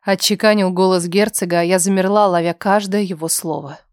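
A woman's voice: fairly low pitch, steady tone, brisk, no room sound, clean studio sound. Woman tensely narrating an audiobook. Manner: tense, emotional, soft-voiced delivery. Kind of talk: first-person dramatic story reading.

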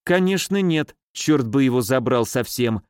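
A man's voice: medium pitch, animated, measured pace, darkish tone, clean tone, no echo, clean studio sound, natural voice. A man voicing a mannered, easily frightened female nurse in an audiobook. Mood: tipsy, chatty. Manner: mannered, fussy, shrieking when afraid.

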